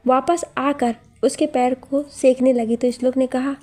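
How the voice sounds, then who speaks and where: A woman narrating a family drama story and reading out every character's lines in a lively way. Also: sits high, measured pace.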